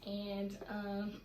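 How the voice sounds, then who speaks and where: A woman's voice: mid-range voice, a little mellow. A young woman from California chatting casually and rambling through a Q&A vlog at home. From California, USA. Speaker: vlogger. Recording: echoey room with faint background noise.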